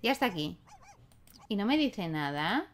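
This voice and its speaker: A woman's voice: mid-range voice, sing-song, unhurried. A young woman, chatting casually as she plays a life-simulation game and talks to her characters. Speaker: gaming YouTuber. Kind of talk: casual gameplay commentary.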